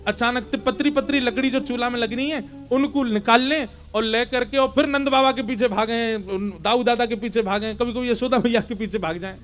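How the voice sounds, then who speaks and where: A man's voice: very high-pitched, fairly even intonation, moderate pace, few pauses, fairly bright tone, soft background music. A man preaching a devotional sermon, telling a story animatedly with rustic dialect words. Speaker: katha preacher.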